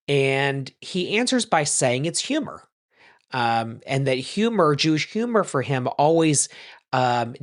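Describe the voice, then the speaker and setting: A rabbi teaching in a loose, chatty way, full of ums and self-corrections, who tells a joke and then explains it. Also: mid-range voice. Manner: tells jokes and explains them. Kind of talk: casual teaching talk.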